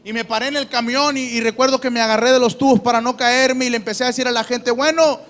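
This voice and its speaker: A man's voice: extremely high pitch, flat delivery, fast talker, a bit bright, big-room sound, faint music behind. A man preaching his personal testimony, fervent and often calling listeners brother. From Mexico. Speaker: evangelist giving testimony.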